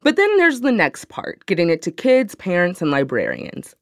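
A woman's voice: on the low side, wildly swooping pitch, normal speed, dry recording, studio quality. A woman hosting a podcast, delivering scripted narration in a friendly storytelling manner. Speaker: podcast host.

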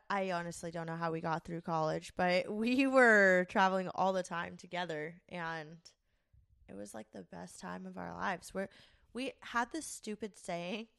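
A woman's voice: fairly low pitch, gravelly, fairly bright tone, smooth, no echo, clean studio sound. A young adult woman co-hosting a podcast, chatting casually, swearing and laughing often. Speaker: podcast co-host. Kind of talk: casual chat.

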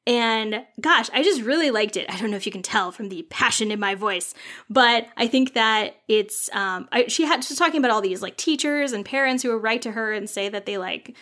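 A young woman co-hosting a casual podcast, talking through a book she loved in an animated way, full of "like" and acted-out quotes. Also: a little fast. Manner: animated, lots of "like", acts out quotes with high lively pitch. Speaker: podcast co-host. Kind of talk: casual book-recommendation chat.

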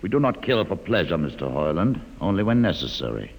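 An actor playing a calm, educated male mutant leader in a 1950s radio drama, measured and quietly ironic. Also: low-pitched, heavily acted. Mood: calm, wry. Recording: old radio drama with long reverb.

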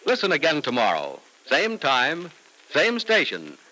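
An American man announcing in 1940s radio style, giving an emphatic, polished sponsor pitch. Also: wildly swooping pitch, measured pace, bright, forceful tone, low-quality recording. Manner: emphatic, polished salesman delivery.

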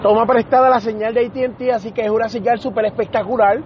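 High-voiced man telling a story. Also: quick pace, highs cut off, a little hiss or hum. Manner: animated retelling that acts out other people's lines. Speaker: podcast host. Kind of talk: casual storytelling monologue.

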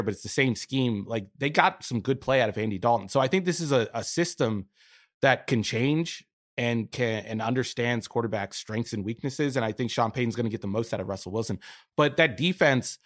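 A man breaks down football as a podcast guest, speaking at a middle pitch in a plain, matter-of-fact analytical way. The recording is close and dry, with no room sound around him. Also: fairly quick, a bit bright, dry recording. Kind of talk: casual sports analysis.

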